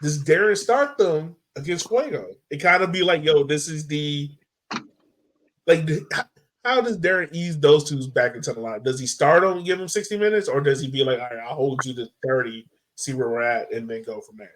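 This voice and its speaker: With a fairly high pitch and a moderate pace, this man hosts a soccer podcast in a relaxed, chatty way, often throwing out questions.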